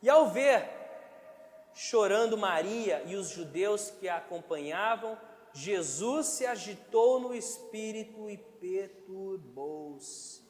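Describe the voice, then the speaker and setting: A man with a fairly high voice delivers a conversational sermon, checking in with his congregation as he goes. He is recorded in a church hall, so the sound is roomy and echoey. A long reverb trails after his phrases. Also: lively intonation, takes it slowly. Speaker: pastor.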